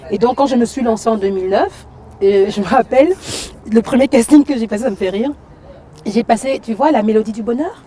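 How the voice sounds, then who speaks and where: Brief: woman from Cameroon, actress-singer guest, warm mellow tone, lively casual chat with fillers. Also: fairly high pitch, brisk. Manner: lively, frequent fillers and "tu vois".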